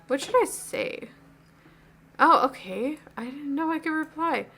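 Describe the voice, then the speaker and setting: A woman's voice: sits high, animated, unhurried, pushed and bright. A woman hosting a video game playthrough, reading dialogue aloud expressively with playful asides and commentary. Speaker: video game let's-play host.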